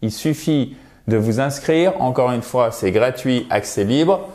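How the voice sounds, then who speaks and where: An English teacher gives a casual video lesson on pronunciation in an unhurried, slightly mellow mid-range voice. He's chatty, walks through each step while asking "ok?" and "d'accord?", and repeats English sounds to model them.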